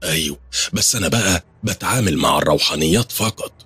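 In a full character voice, a man with an Egyptian accent portrays a veiled, strange woman, insisting in an ominous, matter-of-fact manner that spirits are visible around people. His voice sits low and is quick, bright, forceful and husky, with no echo.

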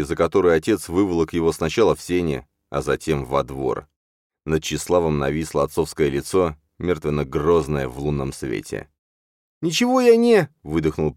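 Very deep-voiced male audiobook narrator. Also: darkish tone, no echo, clean studio sound. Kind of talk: scripted narration of a dark fantasy novel.

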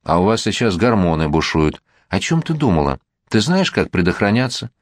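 Man voicing an exasperated middle-aged mother, stern, reproachful, sharp-tongued, low voice, lively intonation, dry close mic. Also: moderate pace, no room sound. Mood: scolding. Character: exasperated middle-aged mother scolding her teenage daughter. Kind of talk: audiobook character reading.

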